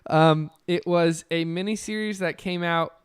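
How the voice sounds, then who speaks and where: A man's voice: a little high, steady tone, unhurried, clear, resonant tone, no echo, clean studio sound. A young man co-hosting a podcast, chatting casually and rambling with enthusiasm through lots of fillers. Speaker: podcast co-host. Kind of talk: casual chat.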